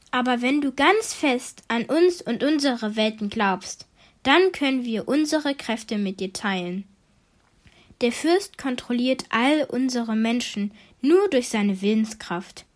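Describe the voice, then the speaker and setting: A woman voicing three hopeful foxes in a storybook who speak together, earnest and pleading. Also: on the high side.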